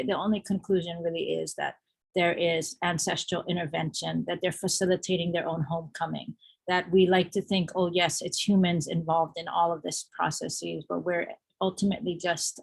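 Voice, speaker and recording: A woman with a fairly low voice speaks on a symposium panel. She is reflective and animated, and she stresses her points with emphatic asides. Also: vocal fry, breathy edge, rough recording.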